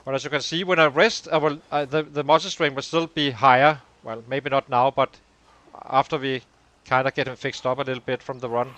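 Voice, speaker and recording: A man's voice: mid-range voice, steady tone, brisk, a bit bright. A man hosting a let's play, thinking aloud as he works through the numbers behind his progress. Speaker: gaming channel host.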